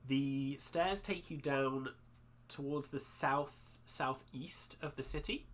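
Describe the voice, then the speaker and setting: A man narrating as dungeon master of a tabletop game, chatty and quick to laugh. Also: medium pitch. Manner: lively, laughing often while describing the scene.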